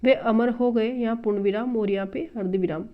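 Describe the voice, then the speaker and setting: A woman's voice: fairly high pitch, fairly quick. Woman teaching grammar on a dull recording. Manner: patient step-by-step explaining, repeating terms. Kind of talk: explaining a lesson from a textbook.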